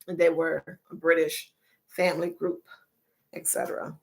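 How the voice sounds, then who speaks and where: A middle-aged woman hosts a casual livestream chat, chatty and laughing often as she repeats phrases. Her voice is deep and creaky, with a flat delivery at a moderate pace.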